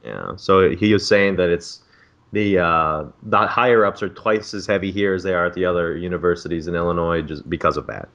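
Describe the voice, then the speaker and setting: A man's voice: sits low, fairly quick, a bit bright, highs cut off. A man in his twenties, a graduate student, on a casual podcast, ranting profanely and with exasperation about bureaucracy. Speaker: podcast co-host.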